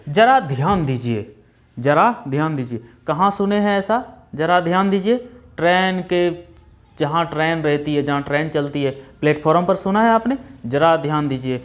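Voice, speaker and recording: A man from India leads a spoken English class with a fairly high voice. He explains with chatty everyday examples and slows right down to repeat each English phrase with care. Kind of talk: classroom lesson.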